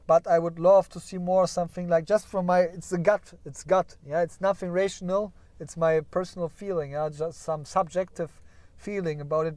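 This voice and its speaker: A fairly high, slightly mellow male voice comes through with no room sound as a stock market streamer walks through earnings on a shared screen. His talk is chatty and exploratory, full of hedging "yeah?" tags, with playful jokes about weeping over results.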